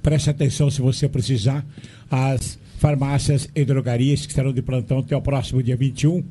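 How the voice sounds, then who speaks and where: Mellow male local radio announcer. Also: medium pitch, little pitch movement, a little fast, slight background noise.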